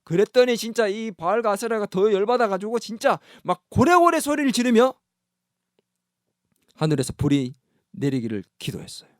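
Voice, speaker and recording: A male pastor preaching a sermon in an animated, dramatic storytelling manner. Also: sits high, normal speed, dry recording, clean studio sound. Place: church.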